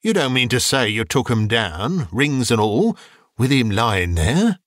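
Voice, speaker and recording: A man voicing a shrewd old male junk dealer who haggles in a slow, wheedling way. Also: medium pitch, big pitch swings, a bit bright, dry recording, studio quality. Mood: sly.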